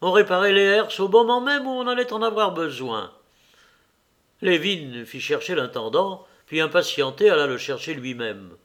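A man narrating a classic novel in a measured, steady reading voice. His pitch sits a little high for a man, and the delivery is even and unhurried. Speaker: audiobook reader. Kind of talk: scripted narration.

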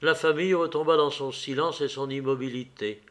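A man narrating a classic story as an audiobook in a measured, expressive way. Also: fairly high pitch.

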